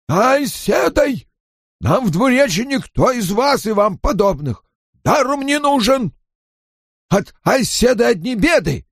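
A man voicing a sullen, angry village farmer who shouts threats in a strained, high voice. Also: vocal fry, breathy edge, no echo, clean studio sound, heavily acted.

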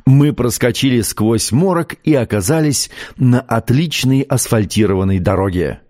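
A man narrating an audiobook in a measured, expressive storytelling manner. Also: lowish voice. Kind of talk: scripted narration.

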